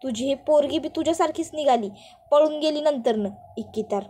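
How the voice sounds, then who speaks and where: A woman's voice: high-pitched, a little fast, warm tone, pitched above the performer's own voice, close to an everyday voice. Woman doing a scornful accusing village woman.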